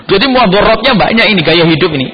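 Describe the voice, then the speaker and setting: A man preaching a sermon in a lively storytelling manner, acting out family members as he goes. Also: high-pitched, moderate pace. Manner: animated storytelling, acts out family members in quotes. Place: mosque gathering hall. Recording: echoey hall, dull lo-fi sound.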